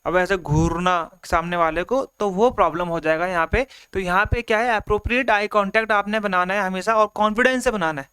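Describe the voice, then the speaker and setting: A man's voice: high voice, a little fast, hardly any pauses, pushed and bright, clean tone. A man teaching an online exam-prep lecture, explaining step by step, acting out examples and mixing in English terms. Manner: explains in simple repeated steps, acts out examples; mixes Hindi with English terms.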